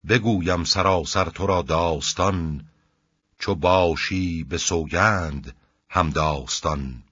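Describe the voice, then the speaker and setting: A man with a deep, husky voice reciting the speech of a captive young hero in classical verse, in a measured, rhythmic chant. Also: fairly bright tone, no room sound. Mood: earnest. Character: captive young male hero, hopeful and earnest. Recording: dull, lo-fi dry recording.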